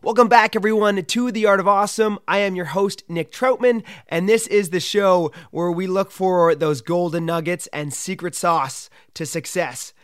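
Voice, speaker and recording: High-voiced male podcast host. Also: moderate pace, few pauses, clean tone, dry recording, studio quality. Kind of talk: podcast intro and casual interview.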